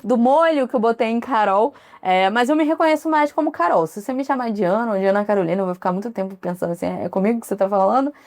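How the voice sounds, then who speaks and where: A chatty woman in her thirties from Brazil who hosts a one-person podcast in a relaxed, conversational way. She wanders into asides and tangents, with a voice that sits somewhat high for a woman. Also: fast talker, few pauses. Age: 30s. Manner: chatty, digressive, frequent asides. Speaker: podcast host. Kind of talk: casual solo podcast chat.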